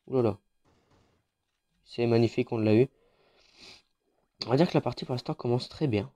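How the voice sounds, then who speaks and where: Congested from a head cold, a French-accented gaming YouTuber gives casual commentary on a mobile shooter match in a mellow, dark-toned voice of medium pitch. He's loose and chatty, often using fillers and starting his sentences over.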